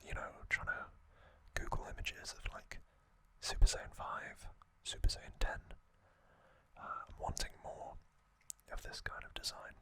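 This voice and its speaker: This is a thirty-something man doing ASMR: he whispers laid-back fan commentary, gentle and slow, with lengthy pauses between thoughts.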